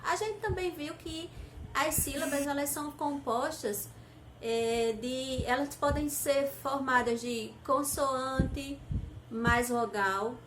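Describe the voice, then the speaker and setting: A Brazilian woman teacher speaks to young children in a high voice, patiently repeating herself and sounding out syllables. The room echoes around her, with a faint hiss underneath. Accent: Brazilian Portuguese. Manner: patient, repeats points, spells out syllables slowly. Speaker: primary school teacher. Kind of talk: teaching a recorded class to children.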